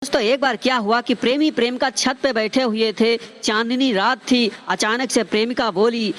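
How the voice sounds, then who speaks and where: Casting note: high-pitched male comic, punchy joke delivery, faint hiss on the track. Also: fairly even intonation, moderate pace. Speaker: comedian telling jokes. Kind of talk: joke storytelling to viewers.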